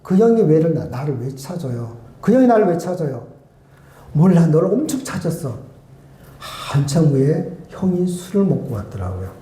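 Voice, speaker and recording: A male guest pastor preaching a sermon and telling a personal story, acting out remembered conversations and moving between loud and hushed speech. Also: a little high, very animated, normal speed, hardly any pauses. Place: church sanctuary. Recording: echoey church hall.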